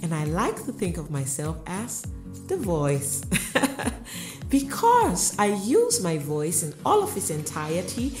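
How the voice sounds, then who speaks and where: A woman's voice: fairly low pitch, wildly swooping pitch, slow. A woman voiceover artist presenting herself in an emphatic, sing-song way. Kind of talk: self-promotional showreel talk. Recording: roomy sound with music underneath.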